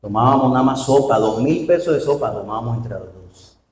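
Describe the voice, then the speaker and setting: A man preaches in a church, lively and pointed, throwing rhetorical questions at the congregation. His voice sits at a middle pitch and comes from some distance off the mic. The hall around him rings with echo. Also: fairly quick. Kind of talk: sermon. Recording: roomy hall, voice from far off.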